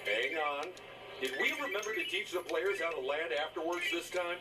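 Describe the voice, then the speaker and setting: Male game show host for a video game, actor-played: showy, jovial, joking, wildly varied pitch, a little off-mic with loud music. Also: lively intonation, normal speed, lightly acted. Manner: showy announcer delivery, joking. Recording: loud music behind, slightly distant.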